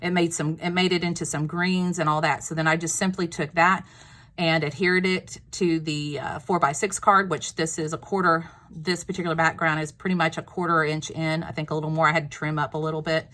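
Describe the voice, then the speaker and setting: A woman's voice: sits low, level tone, fairly quick, fairly bright tone. A woman with a Texas accent chatting casually about her crafts, rambling with lots of fillers and restarts. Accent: Texan. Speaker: craft vlogger. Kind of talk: casual crafting show-and-tell.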